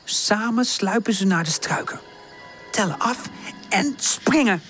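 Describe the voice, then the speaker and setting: Expressive woman reading a children's storybook. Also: medium pitch, unhurried, faint music behind. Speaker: audiobook narrator.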